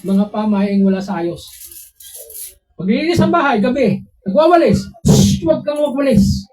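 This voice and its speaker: Animated storytelling male pastor. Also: extremely high pitch, normal speed, soft background music, rough recording. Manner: animated storytelling, voices quotes, asks listeners questions. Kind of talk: preaching sermon with personal stories.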